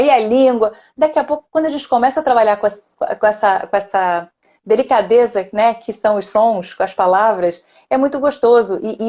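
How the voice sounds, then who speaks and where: A woman's voice: on the high side, highs cut off. Upbeat Brazilian-Portuguese-speaking woman host. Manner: warm, enthusiastic, many "né?" tags. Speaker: host, speech therapist. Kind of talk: casual chat on an online live.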